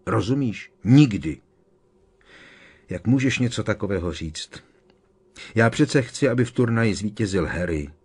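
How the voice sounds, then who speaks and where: A man's voice: on the low side, expressive, husky. A man doing an indignant teenage witch. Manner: indignant, sharp.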